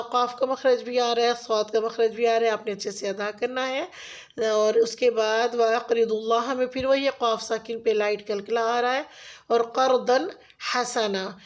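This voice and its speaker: Higher-voiced Pakistani woman teaching tajweed. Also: dull audio. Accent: Pakistani Urdu. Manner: patient step-by-step instruction, slowly sounding out Arabic words. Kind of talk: Quran recitation lesson.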